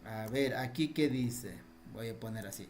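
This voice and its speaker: A man's voice: mid-range voice, measured pace, a little mellow. A man teaching a Quechua spelling class in Peruvian Spanish over a video call. He repeats his points patiently and quizzes his students. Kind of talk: online class, explaining spelling.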